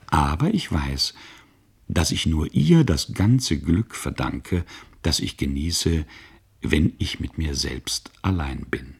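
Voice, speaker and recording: Man, audiobook narrator, scripted reading, measured, very deep, husky voice. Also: animated.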